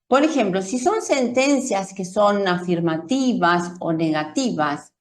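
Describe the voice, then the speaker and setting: Slow, careful woman teaching a language. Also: medium pitch, animated, reverberant. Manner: slow, careful explanation with spoken demonstrations. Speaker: Spanish teacher. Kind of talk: explanatory language lesson.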